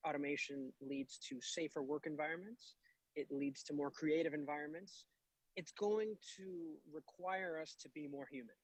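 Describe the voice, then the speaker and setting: A man's voice: on the high side, fairly even intonation, moderate pace, no echo, low-quality recording. A man from Ecuador and Puerto Rico, an aerospace engineer, speaking in an upbeat way in a video testimony. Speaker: NASA engineer.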